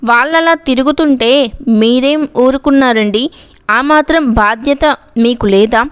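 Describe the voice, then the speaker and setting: A woman's voice: high voice, a little slow, smooth. A woman voicing a hot-tempered middle-aged father in an audio story, angry and scolding. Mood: furious. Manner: angry, shouting.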